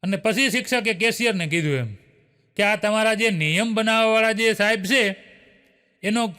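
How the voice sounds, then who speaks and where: Sitting high in pitch, his sharp, clear, resonant voice moves briskly through a series of short jokes. Frequent chuckles and a habitual filler mark his telling, all heard through a long hall echo.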